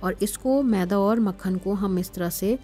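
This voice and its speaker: A woman hosting a cooking channel, calmly explaining each step of a recipe to her viewers as friends. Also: mid-range voice, measured pace. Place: home kitchen.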